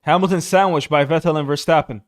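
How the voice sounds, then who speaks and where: A young man streaming live, giving casual, excitable commentary on a motor race and saying "bro" a lot. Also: a little high, fast.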